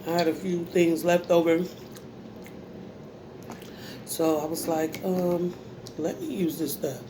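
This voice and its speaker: Female mukbang host, American, unhurried folksy chat between mouthfuls, clearly noisy recording. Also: fairly low pitch. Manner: folksy, informal, talking between bites with savoring hums. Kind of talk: casual mukbang chat while eating.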